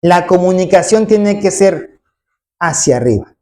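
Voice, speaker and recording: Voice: medium pitch, lively intonation, a little slow, warm tone. A preacher gives an emphatic sermon to a congregation, often tagging questions and acting out quoted voices. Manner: emphatic, frequent rhetorical tag questions, acts out quoted voices. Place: church congregation.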